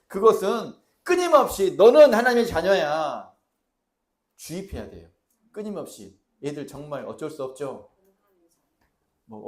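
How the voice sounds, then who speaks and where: A male pastor preaching a sermon to his congregation, quizzing them and shouting out the lines he stresses. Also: a little high. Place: church sanctuary.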